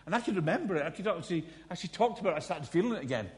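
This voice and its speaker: A man's voice: high voice, lively intonation, very fast. A Scottish man in his fifties preaching a sermon, telling stories with self-mocking humour. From Scotland. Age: 50s. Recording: long hall reverb.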